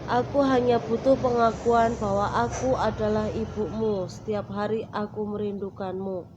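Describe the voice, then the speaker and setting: A woman's voice: mid-range voice, steady tone, normal speed, natural voice. A woman voicing an old, poor mother who pleads tearfully with her son. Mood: grieving. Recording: dull recording with faint noise.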